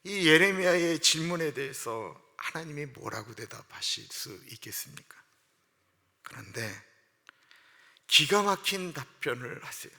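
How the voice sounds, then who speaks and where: A male pastor preaching an earnest, emotional sermon that swells into loud, passionate outbursts. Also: on the high side, gravelly. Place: church sanctuary. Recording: long hall reverb.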